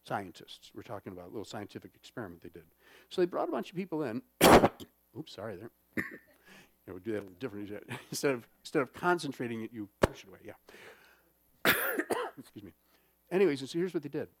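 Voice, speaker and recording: Quick and sing-song, a medium-pitched pastor with a breathy edge preaches to his church in a casual, conversational style. He fills his talk with fillers and frequent check-ins with the congregation, and there's no room sound.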